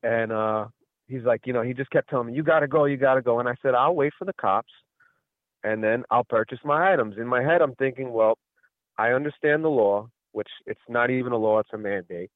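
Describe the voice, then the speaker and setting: A man calls in to a radio show and tells a long, rambling story, acting out what everyone said. His voice sits at an ordinary middle pitch and comes through a tinny phone line. The sound is dry and close. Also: a little fast, no echo. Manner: rambling storyteller who acts out quoted exchanges. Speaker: caller. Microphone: telephone.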